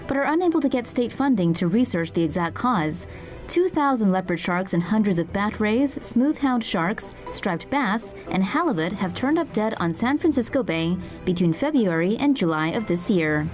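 A woman narrating scripted news stories in a steady, earnest way. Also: mid-range voice.

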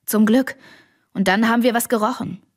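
A woman's voice: on the high side, steady tone, normal speed, lightly acted. Woman reading as a shaken neighbor dad, hesitant and worried, stops and starts. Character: worried neighbor father, middle-aged man. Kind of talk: audiobook reading.

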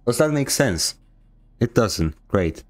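Speaking slowly in a very animated mid-range voice, a young Polish man with a Polish accent comments on a game he's streaming. He's casual, sarcastic and joking, often acting mock-indignant.

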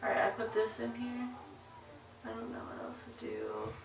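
A young woman co-hosting a casual vlog, loud and teasing, swearing and laughing a lot. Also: fairly high pitch, big pitch swings, normal speed, gravelly. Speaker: vlog co-host. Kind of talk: casual tipsy chat. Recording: echoey room, camera mic from a distance, noticeable noise.

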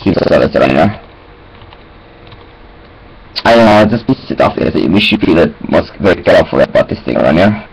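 A young adult man with a deep, expressive, creaky, slightly rough voice mumbles casually to himself at a webcam in a small, cluttered room. At a moderate pace and pausing often, he rambles in disjointed phrases with sing-song filler sounds, and the audio is poor.

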